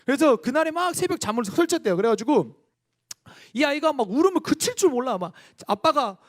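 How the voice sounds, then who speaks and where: Animated young male youth pastor. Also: extremely high pitch, brisk. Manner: lively storytelling, quizzing the congregation. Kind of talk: youth sermon.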